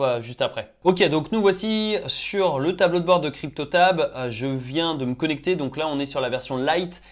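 A young man chatting casually as he tries out crypto apps on his phone, thinking aloud with lots of fillers. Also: medium pitch. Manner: chatty, thinks aloud with many "euh" and "du coup". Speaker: crypto YouTuber. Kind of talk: casual screen-recorded app review.

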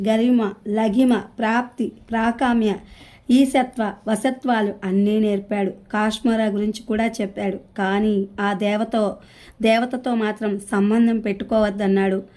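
A woman voicing a wandering male fakir mystic in a storybook reading, in her own calm, mellow voice. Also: a little high, a little slow, natural voice. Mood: grave.

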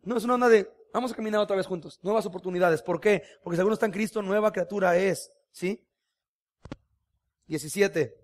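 A man with a Mexican Spanish accent delivering a sermon in a high, ringing voice. He preaches with passion but keeps it conversational, peppering his talk with rhetorical questions. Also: brisk. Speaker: pastor.

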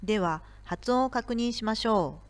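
A woman teacher giving a recorded video lesson, explaining grammar slowly and carefully. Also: fairly high pitch, dry recording.

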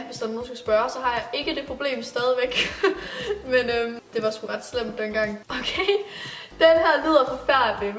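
A woman's voice: on the high side, roomy sound, recorded from a distance. A teenage girl chatting casually in a vlog, answering friends' remarks about her in a giggly, self-deprecating way with plenty of fillers. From Denmark. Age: teens. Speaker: vlogger.

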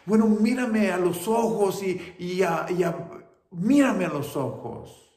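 A man's voice: expressive, slow pace, roomy sound. A man voicing a grieving mother whose son came home maimed from war, speaking Spanish with a Mexican accent. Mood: pleading. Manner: high, loud, pleading and wailing. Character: grieving mother of a wounded soldier, woman, middle-aged.

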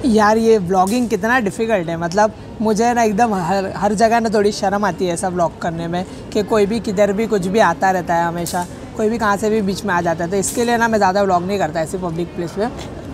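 With music playing behind him, a young man with a high voice vlogs from a public cafe at a brisk clip. Holding the camera himself, he wanders from thought to thought, joking and fixing his own slips along the way.

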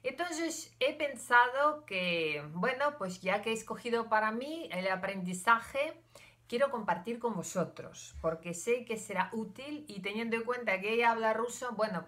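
An older Ukrainian woman, a native Russian speaker with a Russian accent, vlogs casually to camera from a room in her home. Her medium-pitched voice is a bit bright and a little slow. She is chatty but hesitant, gesturing with her hands.

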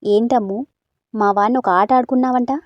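A woman's voice: fairly high pitch, steady tone, normal speed, no room sound, dull audio, natural voice. A woman voicing a kind, curious sister-in-law who teases and asks questions in a storybook. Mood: teasing curious.

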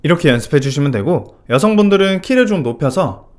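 Male vocal coach, fairly high, very animated intonation, methodical lesson delivery. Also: quick pace, soft background music. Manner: clear, methodical explaining with technical terms.

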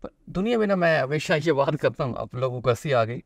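A man's voice: mid-range voice, animated, brisk, gravelly. A man, hosting a casual cricket chat in a small studio and talking emphatically. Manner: talkative, emphatic, gesturing. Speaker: show host, cricketer and actor.

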